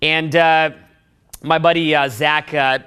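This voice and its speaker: A man's voice: fairly high pitch, little pitch movement, slow pace, pushed and bright, smooth, soft background music. A man giving a profane, boastful talk to a room of men about dating, often laughing at his own stories.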